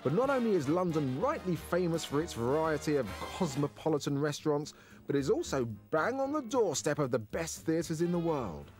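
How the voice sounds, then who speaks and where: A man's voice: fairly high pitch, very animated, moderate pace, hardly any pauses, a little mellow, faint music behind. A man presenting a food show, narrating with a playful, theatrical delivery and chatting with guests.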